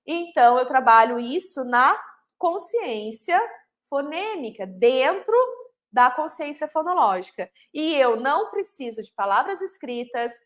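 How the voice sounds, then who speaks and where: Teaching literacy in an online class, a woman with a high voice and a Brazilian Portuguese accent explains things patiently. She often poses a question and then answers it herself, sounding animated and a little slow.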